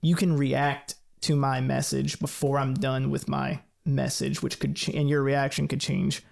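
Man, very gravelly voice, casual explanatory chat, relaxed, laughs lightly. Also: medium pitch, unhurried.

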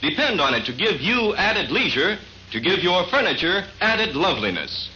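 A man's voice: high-pitched, big pitch swings, moderate pace, pushed and bright. A man reading a scripted, chipper 1950s radio advertisement with polished, emphatic salesmanship. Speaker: radio announcer reading sponsor ad. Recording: muffled vintage radio recording, faint noise.

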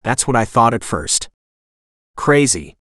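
A cocky young guy, as the narrator plays him, all slang and swagger, grandstanding like he owns the room. his pitch bounces around a lot and the sound is dry and close. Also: big pitch swings, slow, a bit bright, no echo, heavily acted. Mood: brash. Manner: casual slang, showy, whiny at times. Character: brash young man, cocky slangy prosecutor.

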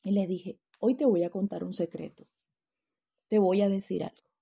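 Woman giving a bible lesson, husky and a bit gravelly, dull lo-fi recording. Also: medium pitch, normal speed. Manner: questioning the class, storytelling. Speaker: Bible teacher.

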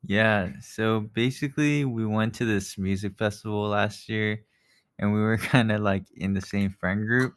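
A man in his twenties from the United States, co-hosting a casual podcast, easygoing and quick to laugh. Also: fairly low pitch, steady tone. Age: 20s. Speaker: podcast co-host.

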